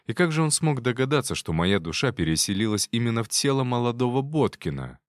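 A man narrating a first-person audiobook in a measured, wry inner-monologue manner. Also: medium pitch, sing-song, dry recording, clean studio sound.

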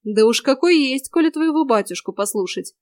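A woman playing a gruff, solemn warrior hero. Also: high-pitched, lively intonation, fairly quick, darkish tone, no echo, voice pushed up. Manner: gruff, solemn, old-fashioned speech. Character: earnest bogatyr warrior man, gruff.

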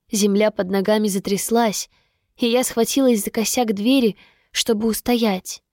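An audiobook narrator, a woman, reads a scripted first-person story aloud in an even, steady storytelling voice of medium pitch. The recording is dry and clean, studio quality.

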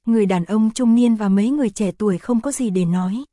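A woman narrating an audiobook chapter in an even, unhurried reading voice, voicing the characters' lines in her own voice. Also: medium pitch, no echo, clean studio sound.

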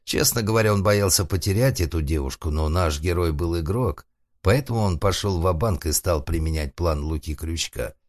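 A man reading a humorous story aloud as narrator, wry and deadpan, with asides to the listener. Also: deep voice, normal speed, dry recording, clean studio sound. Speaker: audiobook narrator.

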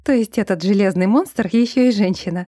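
A jittery young woman who grumbles and frets, voiced by a female narrator in a storybook. The voice is mellow and soft, recorded dry and close to the mic. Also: medium pitch, a little fast, dry recording, close to an everyday voice. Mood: nervous. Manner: nervous, grumbling.

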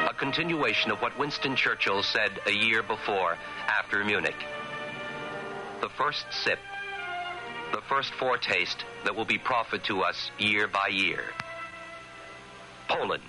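A man's voice: on the low side, poor audio. A man reading scripted history narration in a grave, dramatic manner.

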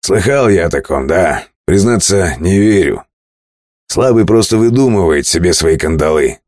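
Brash sea captain, loud and swaggering, voiced by a man a notch higher than his deep, dry reading voice. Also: animated, normal speed, no echo. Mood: scoffing. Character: bold, boastful male ship captain.

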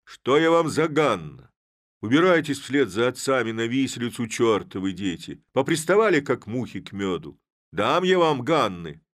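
A man voicing a stern, tall middle-aged village head who speaks hoarsely in a half-voice and blusters threats. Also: fairly low pitch, moderate pace, dry recording, clean studio sound, lightly acted. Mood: angry shouting.

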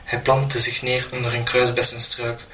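A man reading a short story aloud in an even storytelling manner. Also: medium pitch, moderate pace. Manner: flat, even storytelling delivery. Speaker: narrator. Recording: roomy, distant mic, faint noise.

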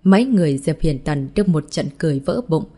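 A woman reading a martial arts novel aloud in a steady narration voice, voicing every character in the same plain tone. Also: deep voice, quick pace, breathy edge. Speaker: audiobook narrator.

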